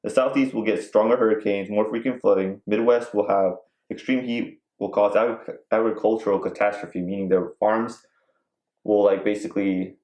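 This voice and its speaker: Low-pitched male co-host, casual rambling chat, echoey room. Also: steady tone, normal speed, darkish tone. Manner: rambling, filler-heavy, joking. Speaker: podcast co-host.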